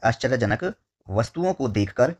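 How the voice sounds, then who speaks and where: A husky, slightly breathy male voice at a middle pitch, darkish in tone and expressive, leads an exam-prep lesson. Calling his students his dear children, he repeats the key terms slowly and asks "ठीक है" over and over.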